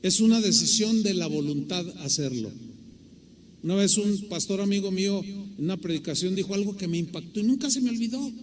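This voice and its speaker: Pastor, high and bright for a man; emphatic sermon, bursts loud, falls quiet. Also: lively intonation, brisk, a little hiss or hum. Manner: emphatic preaching, swinging between loud stresses and quiet asides.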